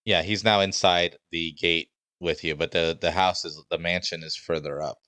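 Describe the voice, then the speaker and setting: Very deep-voiced man running a game. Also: fairly even intonation, moderate pace, pushed and bright, no room sound, studio quality. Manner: casual and hesitant, with many fillers. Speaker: game master. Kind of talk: narrating a tabletop game.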